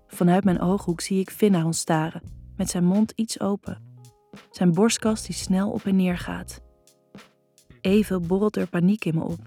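A woman reading a first-person story aloud in a slow, intimate audiobook narration. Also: fairly low pitch, vocal fry, mellow, breathy edge.

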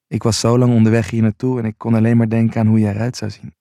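A man's voice: on the low side, little pitch movement, fast talker, warm tone, no room sound, clean studio sound, close to an everyday voice. A man voicing a teasing, bossy young woman. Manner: playful and commanding.

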